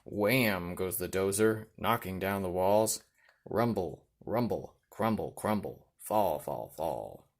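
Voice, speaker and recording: Male storyteller, low voice, reading a picture book to a young child with rhythmic, deliberate emphasis. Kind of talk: read-aloud children's storytelling.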